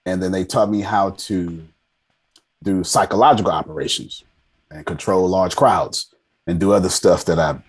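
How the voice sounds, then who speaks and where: A husky-voiced army veteran around forty, appearing as a podcast guest indoors over a video call, tells his story casually. Self-deprecating and emphatic, he repeats phrases for effect. His low voice has fairly even intonation and moderate pace.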